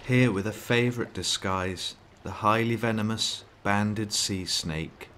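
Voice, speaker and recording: A man's voice: lowish voice, measured pace, fairly bright tone, slight background noise. A man reading scripted narration in the style of a nature documentary.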